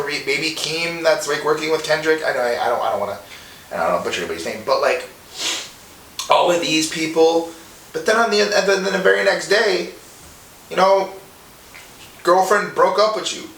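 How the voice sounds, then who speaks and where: A man's voice: mid-range voice, fairly bright tone. A man in his twenties from Montreal, talking in a rambling, profane, earnest way with many restarts. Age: 20s. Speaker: rapper guest. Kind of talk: casual monologue interview. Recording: roomy echo, distant mic, faint hiss.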